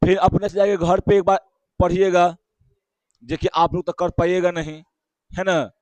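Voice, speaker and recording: A man teaches a physics lesson in a high, bright-pitched voice with a Bihari Hindi accent. He goes slowly, repeats each key term and keeps asking his class short questions to check they follow. The sound is dry and close. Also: fairly even intonation, dry recording.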